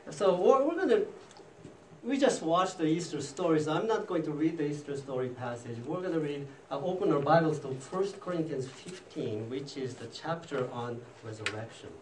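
A man leads a conversational sermon as the pastor, turning often to the congregation with casual questions. His voice sits high and swings widely in pitch. It carries through an echoey church hall from some distance off the mic. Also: lively intonation, takes it slowly, a little mellow, slight background noise.

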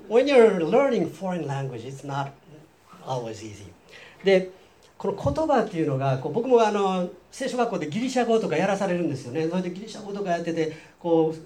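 Japanese-accented guy preaching, high voice that bounces around a lot, chatty, keeps asking the room questions. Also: slight background noise. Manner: lively, chatty, asks the audience questions. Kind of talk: sermon, restating each point in a second language. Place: church hall in Seattle.

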